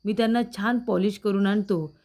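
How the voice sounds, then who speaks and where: A woman voicing a greedy, scheming young man who talks smoothly to get his way. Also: medium pitch, steady tone, moderate pace, a little mellow, natural voice. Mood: sly, defiant. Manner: smooth, sly.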